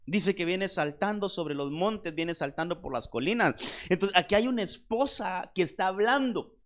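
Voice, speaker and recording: A man's voice: high voice, expressive, fairly bright tone. A man preaching a sermon as pastor, emphatic, repeating words and often calling the listeners "brother". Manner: emphatic, slows down on key points.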